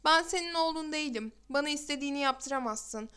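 A woman's voice: high voice, fast talker, fairly bright tone. A woman voicing a sneering, scornful boy. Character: proud cruel young boy, star child.

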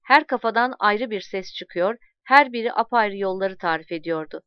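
A woman narrating a story aloud in a calm, measured reading voice, voicing the dialogue as she goes. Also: mid-range voice, clear, resonant tone, no echo, lo-fi sound.

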